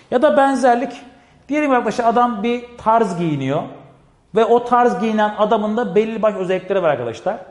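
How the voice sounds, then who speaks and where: Lively high-voiced male teacher, echoey classroom. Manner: explanatory, repeats key phrases, constantly addresses listeners. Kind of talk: classroom lecture. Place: classroom with a board. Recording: echoey room with long reverb.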